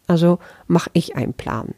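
A speaker voicing the ego as an inner voice that first whines with self-doubt, then coaxes and flatters. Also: medium pitch, moderate pace, dry recording, natural voice. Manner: whiny self-doubt turning to coaxing flattery.

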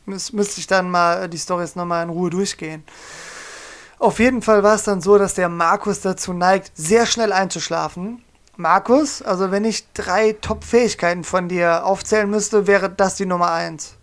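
A young man co-hosting a podcast, telling a story in a lively, joking way and acting out quotes. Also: sits high, moderate pace, clear, resonant tone. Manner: animated storyteller, acts out quotes, laughs often. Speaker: podcast co-host. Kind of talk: casual storytelling chat.

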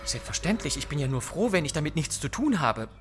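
A man's voice: fairly high pitch, sing-song, fairly quick, faint music behind, voice pushed up. A male audiobook narrator voicing a timid, nervous older man who speaks in a hesitant, anxious way. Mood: relieved.

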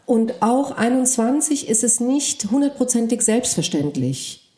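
An interview guest, a woman who is a native Polish speaker raised in Germany, gives a thoughtful, searching answer full of hesitations in a reflective conversation. Her voice is on the high side, sing-song, warm, and measured, with a roomy sound.

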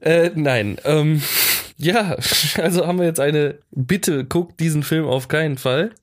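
A man co-hosts a relaxed podcast, his voice sitting a little high for a man. He jokes and rambles in loose conversation, his pitch bouncing around a lot as he goes. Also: a little slow. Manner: jokey, slips into put-on voices and dialects. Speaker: podcast co-host. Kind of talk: casual chat.

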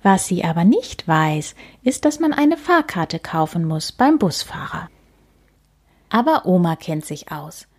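A woman gently narrating a children's storybook, often near a whisper. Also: lowish voice, very animated, unhurried, breathy edge.

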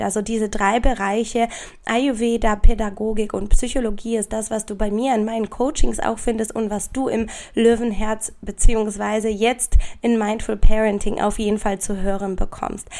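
Woman, podcast host, stuffy nose from a cold, sniffly raspy voice, fairly high pitch, crackly fry, casual and emphatic. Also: darkish tone. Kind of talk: casual solo podcast talk addressed to the listener.

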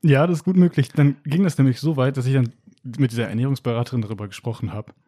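A young man recounts a personal story in relaxed, slangy talk. His voice is mellow and sits in an ordinary middle register. He acts out the voices of the people in his story and laughs often. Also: medium pitch, fast. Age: young adult. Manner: animated storytelling, acting out quoted lines. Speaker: guest telling a personal story. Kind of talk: casual chat.

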